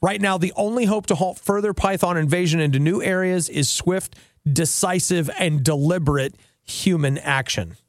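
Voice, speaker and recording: A man's voice: sits high, normal speed, dry recording, studio quality. A man co-hosting a casual chat show, wry and joking as he reads out news items. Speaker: co-host.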